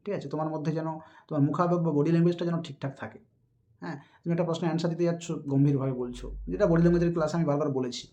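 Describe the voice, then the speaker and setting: A man teaches a lesson on speaking in job interviews. His voice sits a little high for a man, yet it sounds mellow and warm. He explains patiently and acts out examples, swinging between loud and quiet. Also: fairly even intonation, rapid-fire, muffled recording.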